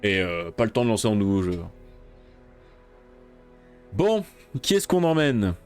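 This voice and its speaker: A man talks over his game in a fairly low voice, swinging between loud, cursing outbursts at the game and quiet muttering as he thinks through his next move. Faint game music plays behind him. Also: big pitch swings, measured pace, clear, resonant tone. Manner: swears loudly in frustration, then mutters. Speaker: gaming video creator. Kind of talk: let's play commentary.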